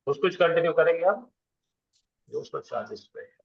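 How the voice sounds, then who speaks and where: A man with a high voice teaches a grammar class, firing questions at his students and waiting for them to answer back. He runs through verb forms in sing-song lists. The lecture was captured on a dull, lo-fi recording in a roomy classroom. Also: expressive, normal speed. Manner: drills students with call-and-response questions; chants verb conjugations in rhythmic lists.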